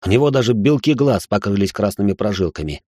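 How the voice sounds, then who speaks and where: Man, audiobook narrator, lively pitch, wry, sardonic, dry close sound. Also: quick pace, husky, no room sound. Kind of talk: first-person audiobook narration.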